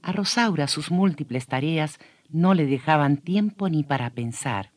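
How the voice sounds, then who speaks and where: A man telling a scripted children's story on the radio in an expressive way, speaking directly to young listeners. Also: on the high side, a little slow, no room sound.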